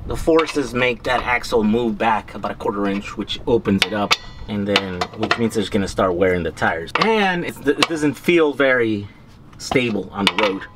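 A man's voice: mid-range voice, background noise. A man in his thirties, a vlogger, casually explaining a hands-on repair job in his home garage and thinking aloud as he works. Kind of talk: casual DIY vlog.

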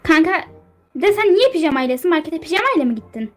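A woman's voice: extremely high pitch, lively intonation, a little fast. A woman voicing Sanfi, a sleepy and grumpy young woman friend in a game role-play, who grumbles and complains in a drowsy, baffled way.

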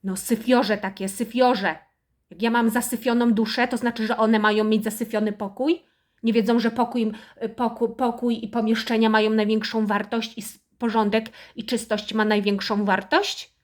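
A harsh, house-proud mother, as a woman acts her out, who nags and pities herself in a somewhat high voice and turns shrill when she scolds. She is a middle-aged mother in a satirical character monologue. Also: little pitch movement, normal speed, close to an everyday voice. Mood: shrill scolding. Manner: nagging and self-pitying, turns to shrill scolding.

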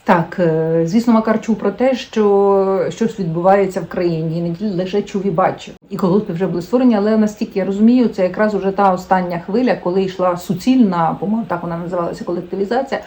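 Chatty woman book blogger, warm voice. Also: mid-range voice, fast talker, hardly any pauses, poor audio. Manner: chatty, thinking aloud with fillers. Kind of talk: casual book vlog.

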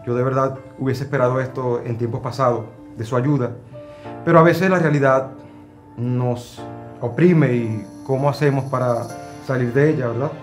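A man's voice: mid-range voice, fairly even intonation, moderate pace, faint music behind, natural voice. A young man acting a regretful store owner in a scripted web drama, speaking earnestly in a clothing store. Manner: apologetic, earnest speech.

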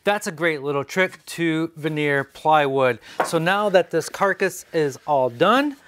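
An American man in his forties hosts a woodworking tutorial from an indoor workshop studio, narrating the how-to in an informal, conversational way. His voice is a little high and expressive, with a measured pace and some background noise.

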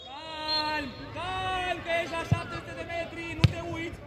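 A youth football coach giving urgent, instructive shouts to players outdoors, repeating their names. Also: male voice, very high voice, completely flat delivery. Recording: noisy outdoor crowd.

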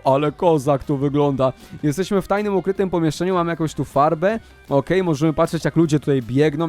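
A young man giving excited, running commentary on a video game, narrating every move and shouting at wins and losses. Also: fairly high pitch.

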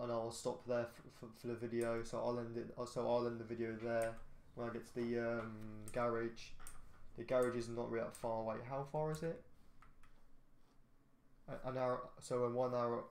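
A man's voice: mid-range voice, flat delivery, moderate pace. A tired man giving rambling, hesitant commentary while playing a driving game, often restarting his sentences. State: tired, yawning. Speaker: gaming YouTuber. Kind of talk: casual gameplay commentary. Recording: echoey room with faint background noise.

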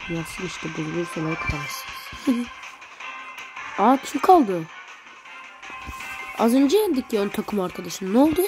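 A woman giving casual, excitable commentary while playing a mobile game for her channel, chatting to viewers and reacting loudly to the match. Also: lowish voice. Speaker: gaming channel host. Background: game music.

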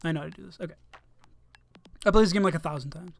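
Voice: mid-range voice, rapid-fire, vocal fry, a little hiss or hum. A let's-play host giving casual, rambling gameplay commentary full of fillers and swearing.

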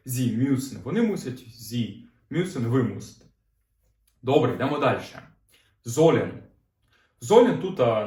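Man, grammar teacher, patient step-by-step explaining, mid-pitched voice, echoey room. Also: darkish tone. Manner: explanatory, repeats "знову ж таки", asks learners questions. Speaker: German language teacher. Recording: roomy echo.

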